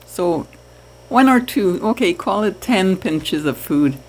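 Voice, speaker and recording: A woman from Trinidad chatting casually to her viewers about keeping fish, with soft laughs. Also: medium pitch, lively intonation. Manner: slow, chatty, laughs softly. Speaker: aquarium hobby vlogger. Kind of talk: casual chat to camera.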